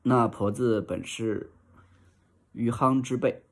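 A man reading a classic novel aloud as audiobook narration in a steady, measured way. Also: mid-range voice. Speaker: reader.

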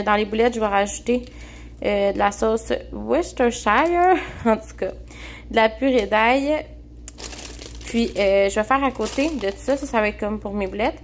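A young vlogger with a Québécois French accent chats casually to camera while prepping a meal in her home kitchen, full of fillers and restarts. Her voice is a little high, and there's a slight hiss or hum on the recording.

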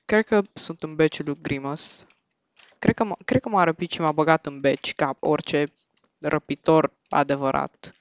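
A young Romanian man giving excitable, slangy commentary while playing Minecraft, panicking and repeating no over and over. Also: a little high, no echo. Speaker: Minecraft gaming YouTuber. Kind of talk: casual gameplay commentary. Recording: dull lo-fi home mic.

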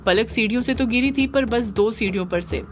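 A woman voicing a meek young woman who softly explains herself in an audio drama. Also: fairly high pitch, brisk, a little hiss or hum, close to an everyday voice. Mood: apologetic. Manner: soft, explaining.

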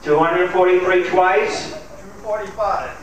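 Slow auctioneer man in an echoey hall. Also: high-pitched. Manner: slow steady bid calling with light asides. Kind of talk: live auction calling. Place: large hotel function room with seated crowd. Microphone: handheld mic, heard from far back in the room. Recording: echoey hall, distant camcorder mic, crowd murmur.

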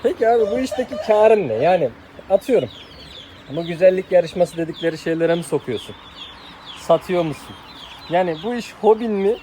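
A man's voice: sits high, animated, fairly quick, warm tone. Man chatting outdoors among clucking hens. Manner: asks many questions, addresses viewers directly. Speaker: channel host interviewing a poultry keeper. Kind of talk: casual outdoor chat with viewers. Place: outdoor garden with poultry. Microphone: handheld phone camera. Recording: clear outdoor noise with chickens.

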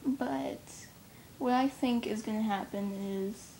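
A woman's voice: mid-range voice, slow pace, mellow, slight background noise. A young woman co-hosting a casual fan chat, rambling and giggly as she speculates. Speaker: comic fan co-host.

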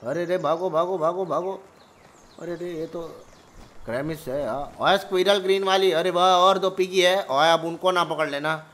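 A man giving playful gameplay commentary, excitable and joking, with frequent exclamations. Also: sits high, moderate pace. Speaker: gamer.

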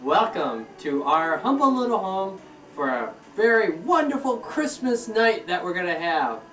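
A woman's voice: medium pitch, big pitch swings, unhurried, fairly bright tone. A woman hosting a party at home, cheerfully greeting her guests, recorded on old home camcorder audio. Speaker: party host filming guests. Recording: echoey, distant camcorder audio with music behind.

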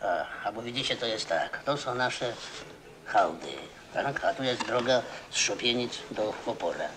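An actor playing a fiery miner. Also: male voice, medium pitch, a little slow, lightly acted. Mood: explaining. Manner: lively, emphatic, gets loud when provoked. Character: fiery male Silesian miner, insurgent. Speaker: Silesian miner planning an uprising. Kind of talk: 1960s film acting. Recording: noisy old film soundtrack.

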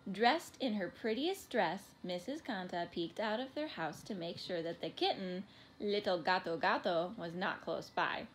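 A woman reading a children's picture book aloud in an expressive, animated way. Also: lowish voice, unhurried, a little hiss or hum. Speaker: storybook reader.

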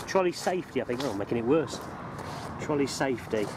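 A middle-aged man vlogging on a canal towpath while magnet fishing, chatting casually, laughing often and bursting into excitement, recorded on a camera set on the ground or held at arm's length. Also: mid-range voice, fast. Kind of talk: casual outdoor commentary. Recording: noisy outdoor recording with traffic.

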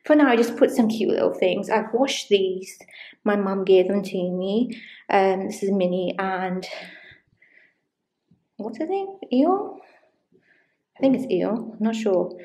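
A woman's voice: mid-range voice, lively intonation, measured pace, pauses often, dark tone. A woman, chatting casually in a rambling way with lots of ums while she shows a room in her home for a vlog. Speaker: vlogger. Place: small room in a home, indoors. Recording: echoey small room.

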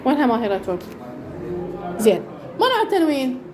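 A woman teacher with an Iraqi Arabic accent, leading a classroom lesson and briskly quizzing pupils by name. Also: high voice, very animated, crowd noise. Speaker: primary school teacher. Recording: echoey classroom with background noise.

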